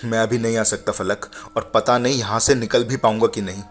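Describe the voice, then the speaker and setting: Brief: a man as a scared trapped young man in a horror story, low voice, hushed and pleading, music under it. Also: fairly even intonation, fairly quick, natural voice. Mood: urgent. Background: background music.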